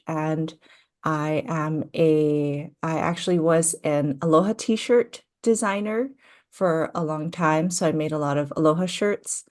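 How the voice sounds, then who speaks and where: A woman's voice: sits low, a little mellow, smooth. A young adult woman from Hawaii, a coaching client talking through her story in an interview, thoughtful and full of fillers. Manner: slow, thoughtful, with frequent fillers. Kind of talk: interview conversation.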